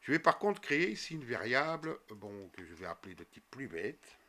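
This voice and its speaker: A man walking viewers through a coding tutorial step by step as he types, with frequent fillers and quick self-corrections. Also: mid-range voice, very animated, bright, forceful tone, slight background noise. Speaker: programming tutor. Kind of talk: screen-recorded coding tutorial.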